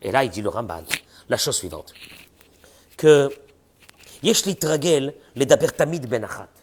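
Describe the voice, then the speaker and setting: Animated, husky man teaching a class. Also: mid-range voice, unhurried. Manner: animated, rhetorical questions, voices imagined people. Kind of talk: religious lesson.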